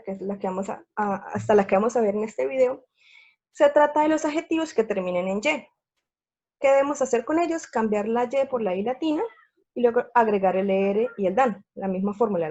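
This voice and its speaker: Woman teacher explaining grammar slides, patient, step by step, a bit high-pitched, dull lo-fi audio. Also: darkish tone. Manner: patient, repeats steps, checks in with "¿sí?" and "listo". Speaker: English teacher. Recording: dull lo-fi sound.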